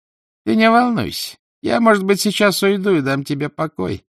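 A man reading an audiobook, voicing a sly, mocking uninvited visitor with a soft hissing laugh. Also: high-pitched, expressive, moderate pace, creaky, no room sound, studio quality, pitched above the performer's own voice.

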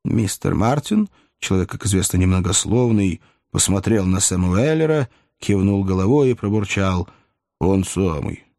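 A man narrating a classic story with a measured, dramatic delivery. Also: low voice, expressive, mellow, no echo, clean studio sound. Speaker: reader.

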